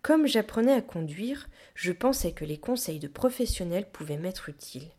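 A woman reading a children's novel aloud in a calm, measured way, sometimes dropping to a hush. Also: on the low side. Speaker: narrator. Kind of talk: scripted storybook narration.

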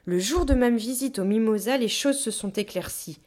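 A woman's voice: on the high side, moderate pace, darkish tone, voice pushed up, close to an everyday voice. Brief: woman playing a sly, cold-eyed man who mocks with false politeness. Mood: smug. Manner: smug, mocking. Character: cold, ironic man, scheming town official. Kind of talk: audiobook reading.

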